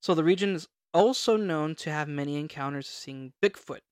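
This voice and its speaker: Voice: mid-range voice, moderate pace, clear, resonant tone, no echo. Casual, playful storyteller with a dry, close sound. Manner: informal, playful, swearing. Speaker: podcast co-host telling ghost stories.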